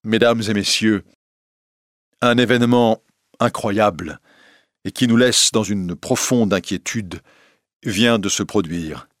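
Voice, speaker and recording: A man's voice: on the low side, slow pace, long pauses, no echo, studio quality. A man voicing an opera tenor making a grave, sad announcement to an audience in a storybook reading, in a declamatory tone. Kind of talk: audiobook reading.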